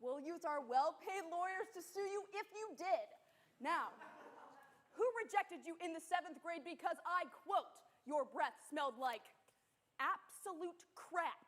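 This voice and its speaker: A woman as a very high-pitched, cruel game show host. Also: lively intonation, unhurried, a bit bright, heavily acted. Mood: mocking. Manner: mocking, showy prize-announcer delivery. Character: gleefully cruel, booming game show host trapping criminals. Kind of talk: comedy sketch game show hosting.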